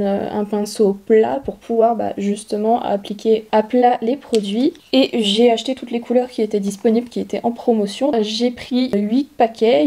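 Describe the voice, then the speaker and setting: A woman's voice: fairly high pitch, dark tone. A woman beauty vlogger casually showing and explaining her makeup purchases, chatty, with many fillers. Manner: chatty, explains as she shows items, frequent fillers. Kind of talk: casual product haul talk.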